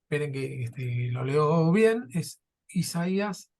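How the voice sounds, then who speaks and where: A class teacher speaking in a measured, thoughtful way, pausing often and reading passages aloud. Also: medium pitch, animated, a little mellow. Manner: measured, thoughtful, many filler pauses.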